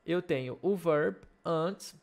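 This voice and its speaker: Young male English teacher with a Brazilian accent, slightly high and unhurried, recorded at a home computer mic. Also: creaky. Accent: Brazilian Portuguese. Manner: slow, patient explaining with frequent check-ins. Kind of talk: recorded video lesson.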